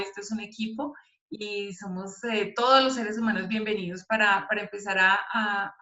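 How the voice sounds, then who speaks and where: A woman's voice: medium pitch, pushed and bright, roomy sound, dull audio. A woman who coaches, announcing an upcoming workshop in a hesitant way with many fillers. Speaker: guest speaker and coach. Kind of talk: casual event announcement.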